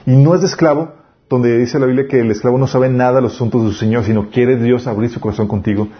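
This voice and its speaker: A man's voice: medium pitch, steady tone, fast, muffled recording. Conversational man preaching a sermon. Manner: conversational preaching with frequent rhetorical questions. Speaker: pastor.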